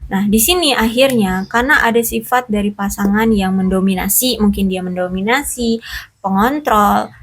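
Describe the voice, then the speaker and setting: A woman's voice: fairly high pitch, breathy edge. A woman giving a casual love reading in a chatty, reassuring way, full of fillers. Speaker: tarot reader.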